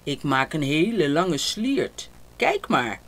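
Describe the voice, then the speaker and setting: Lady playing a jolly mischievous old grandpa in a kids' storybook, lively teasing voice. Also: low voice, takes it slowly, full character voice.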